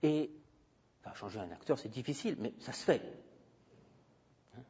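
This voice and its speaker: Here a man lectures at a university as a guest, holding a microphone and talking loosely with the crowd in an emphatic, wandering way. He's mid-pitched and animated, keeping a moderate pace, with a mellow tone and a breathy edge. Sound quality is dull and lo-fi, drenched in long hall reverb.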